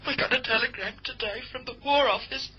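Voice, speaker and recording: A woman's voice: fairly high pitch, a little fast, close to an everyday voice. A woman playing a shaken wartime wife in an old-time radio drama. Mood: stricken. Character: shaken wife delivering bad war news. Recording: noisy, muffled old radio recording.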